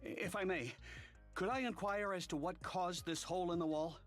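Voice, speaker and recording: A man's voice: sits high, moderate pace, soft background music, close to an everyday voice. An actor playing a groveling, fanatical male platoon leader in a game, stammering with over-the-top reverence. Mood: awestruck groveling. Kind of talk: game voice acting.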